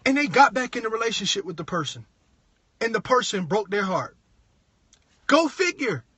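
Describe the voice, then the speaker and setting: A man's voice: sits high, expressive, fairly quick, pushed and bright, slightly rough, no room sound. A man preaching bluntly from inside his car in a frustrated, impassioned monologue. He repeats words and restarts often, speaking close to a phone. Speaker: preacher sharing advice on a livestream.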